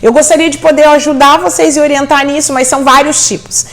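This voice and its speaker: A woman with a high, fairly even voice talks at a quick pace. She's a middle-aged immigrant mother hosting a show, warmly encouraging parents about homeschooling. She speaks Portuguese, mixing in English words.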